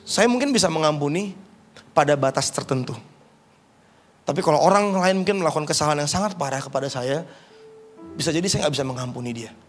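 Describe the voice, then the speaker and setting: A man preaching a sermon as pastor, moving between raised emphatic lines and soft, intimate asides. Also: a little high, animated, quick pace, pauses often, soft background music.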